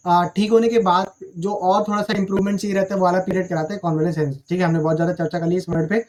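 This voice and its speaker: High-voiced man teaching vocabulary. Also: little pitch movement, rapid-fire, darkish tone. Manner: explains with rhetorical questions, says "ठीक है" after almost every line. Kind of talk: recorded vocabulary lesson.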